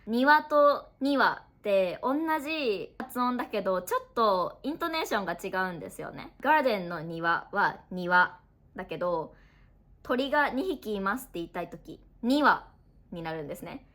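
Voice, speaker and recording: A woman in her twenties from Japan, an online Japanese teacher talking casually to learners at her family home, chatty and friendly, explaining slowly with examples. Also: medium pitch, lively intonation, fairly bright tone. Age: 20s. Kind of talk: casual podcast talk to learners.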